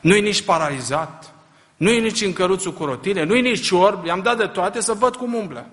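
High-voiced impassioned preacher in a hall. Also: male voice. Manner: impassioned, builds to loud rhetorical questions. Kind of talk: sermon. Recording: long reverb of a large hall.

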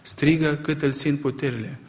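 A middle-aged man preaching a sermon, pressing his listeners with rhetorical questions that swell to loud, impassioned peaks. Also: a little high, fairly even intonation. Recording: long reverb of a large hall.

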